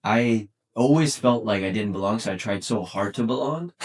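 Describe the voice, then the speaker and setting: A young man born in India, talking about his clothing brand as a podcast guest in a relaxed, rambling way full of fillers and restarts. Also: lowish voice, normal speed. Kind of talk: casual podcast conversation.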